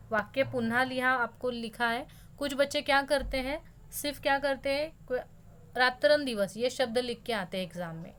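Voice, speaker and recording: A young woman teaching a school lesson in a patient, step-by-step way, often dropping in English words. Her voice sits a little high. Faint noise hums behind her. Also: a bit bright.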